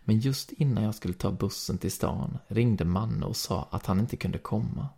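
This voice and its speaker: A man with a Swedish accent reading a story aloud in calm, steady first-person narration. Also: lowish voice, vocal fry, breathy edge. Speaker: podcast reader.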